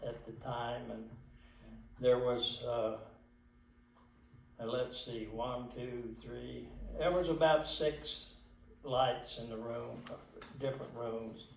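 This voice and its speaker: An older man with an Appalachian accent tells of his life at a slow, halting pace. He is plain-spoken and folksy, recorded at a distance from the microphone in an echoey room. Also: mid-range voice, steady tone, creaky. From southwest Virginia mountains. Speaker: interviewee. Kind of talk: casual oral history reminiscence.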